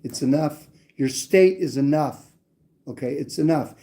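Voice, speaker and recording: A man's voice: on the high side, measured pace, warm tone. A man hosting a live stream, talking politics in a blunt, rambling way, with some swearing. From New Hampshire. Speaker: livestream host. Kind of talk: casual political talk.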